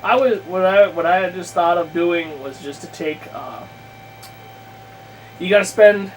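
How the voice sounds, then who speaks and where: A high-voiced man speaks at a measured pace as a podcast guest planning a tabletop campaign, rambling casually and returning to points mid-sentence while thinking aloud. Poor audio leaves distinct background noise and hum.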